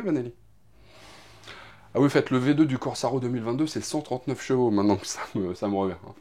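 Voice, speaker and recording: A man's voice: mid-range voice, darkish tone. A man hosting a motorcycle news show, talking in a casual, mocking way with jokes, laughs and filler words. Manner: mocking, joking, laughs often, lots of fillers. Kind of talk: sarcastic casual commentary.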